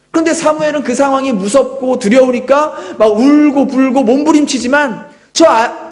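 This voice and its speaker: Inside a church sanctuary, a pastor in his thirties preaches a sermon in a voice very high for a man. He speaks earnestly, like a storyteller, and repeatedly turns to the congregation with rhetorical questions.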